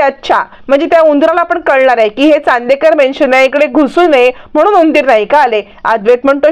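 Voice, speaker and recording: A woman narrating a recap of a television serial, reading every character's lines in her own voice. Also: high-pitched. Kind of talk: storytelling recap with voiced quotes.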